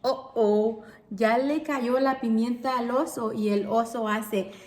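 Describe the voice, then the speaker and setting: A woman teacher reads a picture book aloud to children with an animated storytelling manner. Her voice is high and she takes her time, stopping to ask the children questions. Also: takes it slowly.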